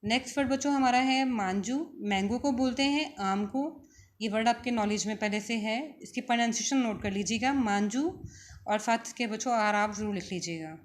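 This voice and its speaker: A woman with a Pakistani Urdu accent teaching a vocabulary lesson, repeating each word slowly for her students. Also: fairly high pitch.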